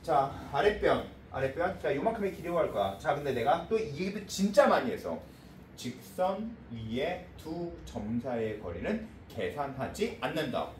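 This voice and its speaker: A man teaching a math lesson, his voice rising and falling in a lively, swinging way. He talks briskly and keeps checking that the class follows along. The sound comes from a distance in an echoey room. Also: fairly high pitch, slight background noise. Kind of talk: classroom lecture.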